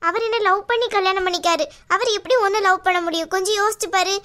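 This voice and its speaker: Woman voicing a gentle earnest young wife. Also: very high-pitched, fast talker. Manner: earnest, pleading. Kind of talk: cartoon voice acting.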